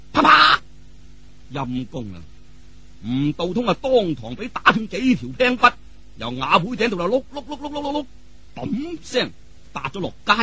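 Here the storyteller has a high, sharp, slightly rough voice. His Cantonese martial arts yarn, in a Hong Kong or Guangdong accent, is delivered theatrically in the old colloquial style, bursting with exclamations and mouth-made sound effects.

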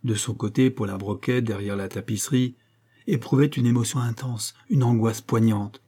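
A man narrating a novel in a measured, steady reading style. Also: medium pitch, breathy edge. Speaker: audiobook narrator. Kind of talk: scripted narration.

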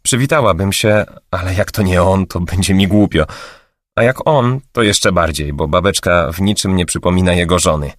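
A man's voice: sits low, normal speed, no echo, studio quality, close to an everyday voice. A man voicing a curious young woman who chats casually while feigning innocence in an audiobook. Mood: coy, chatty.

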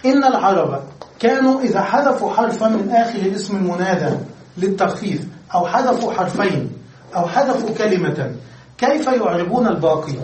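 A man teaching Arabic grammar in a classroom lecture, explaining step by step and often pausing to ask whether the students have understood. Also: high voice, a little mellow, slight background noise. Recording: echoey room, voice far from the mic.

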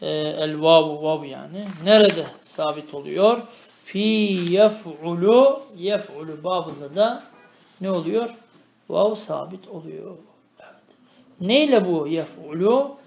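A man teaching a traditional grammar lesson. He reads Arabic phrases slowly, explains them, and keeps asking the student questions. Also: a little high, animated, gravelly, a little mellow, roomy sound. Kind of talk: traditional religious lesson, explaining a text line by line.

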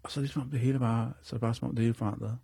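A man with a gravelly, husky voice recounts his own story, rambling and circling back with fillers. His tone is dark and mellow, and the recording is close and dry. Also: mid-range voice, fairly even intonation, no room sound. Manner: rambling and repetitive, leaning on fillers. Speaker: guest telling his life story. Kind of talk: personal storytelling on radio.

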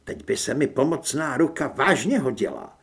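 A man's voice: mid-range voice, expressive, husky. A man voicing a sarcastic male monster hunter. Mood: defiant. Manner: sarcastic shouted retorts. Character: wisecracking male monster hunter under fire. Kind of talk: audiobook character voice.

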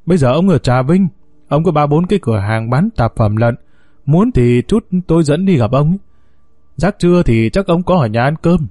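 A man's voice: on the high side, expressive, moderate pace, mellow, no echo, studio quality. A man voicing a talkative, neighbourly middle-aged boatman in a spoken story. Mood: chatty. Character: middle-aged male boatman, chatty and helpful.

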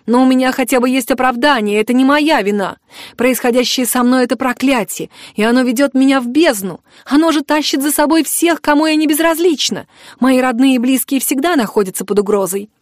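Woman voicing a distressed young noblewoman, high and emotional. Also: fairly quick, no echo, studio quality, natural voice. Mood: sad, bitter. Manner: emotional, exclaiming.

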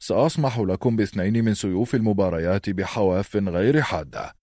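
A grizzled old arms master, voiced by a man, lays down the rules in a low, firm voice. The reading is close and dry. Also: brisk, warm tone, dry recording, lightly acted. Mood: stern. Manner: firm, commanding.

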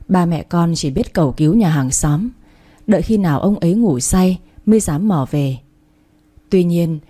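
A woman's voice: on the low side, mellow. A woman reading a dramatic story aloud as narrator, acting out the angry scenes.

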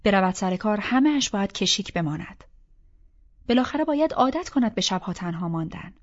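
A woman's voice: medium pitch, lively intonation. A woman reading a first-person novel aloud as an audiobook narrator, in a reflective, inward storytelling manner. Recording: slightly dull audiobook recording.

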